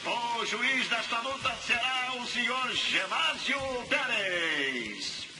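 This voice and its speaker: A man's voice: very high voice, expressive, slow, full character voice. An actor playing a showy male boxing ring announcer in a dubbed TV drama, ceremonious, stretching out names. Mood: booming, grand. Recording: loud music behind the voice.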